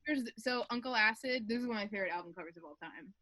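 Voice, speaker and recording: A woman's voice: medium pitch, very fast, crowd noise. A woman guest on a podcast video call, chatting eagerly and swearing casually while showing off her records. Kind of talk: casual chat about vinyl records.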